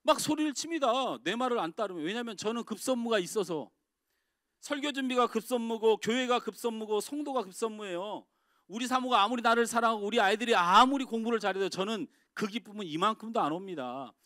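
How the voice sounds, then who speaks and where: A middle-aged man preaching a sermon, his voice sitting a little high for a man. He swings between loud emphatic outbursts and quiet confiding asides. The sound is dry and close, with almost no room echo. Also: expressive, a little fast. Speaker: pastor. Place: church sanctuary.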